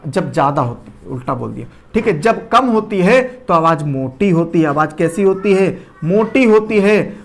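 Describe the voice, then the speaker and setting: Guy teaching a class, keeps repeating stuff and asking "samajh mein aaya", goes quiet then loud to demo. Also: fairly high pitch. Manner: repeats key points with rhetorical questions, checks understanding; shifts loudness and speed to demonstrate. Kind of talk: classroom lecture.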